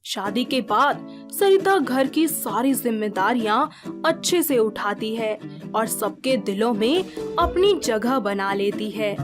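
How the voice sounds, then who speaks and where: A woman narrating a moral story in a measured storytelling manner. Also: a little high. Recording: music playing under the narration.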